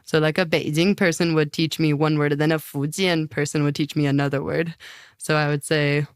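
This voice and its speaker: A young woman from the United States, a singer learning languages, is a guest in a casual podcast interview, upbeat and heavy on "like." Her voice is deep and smooth, brisk with a flat delivery, and there is no echo.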